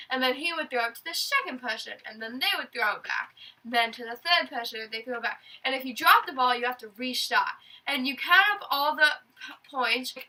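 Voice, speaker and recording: Young woman, high-pitched, piercingly bright, w-for-r speech, chatty host, casual storytelling, distant mic. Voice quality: cannot pronounce r, says w for r. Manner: excitable, chatty, exclaiming.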